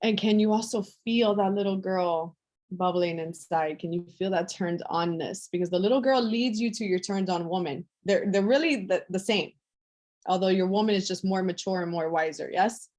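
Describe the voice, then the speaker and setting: A woman leading a group coaching call, speaking softly and affectionately and lingering over repeated words. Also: medium pitch, normal speed. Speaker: women's empowerment coach.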